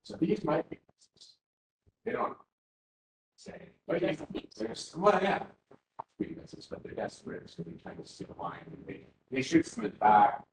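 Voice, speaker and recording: This conference talk comes from a Finnish academic in a university seminar room, his mid-range voice gravelly and swinging widely in pitch at a normal pace. He sounds hesitant, with frequent fillers and restarts, against background noise and the faint ambience of a roomy hall.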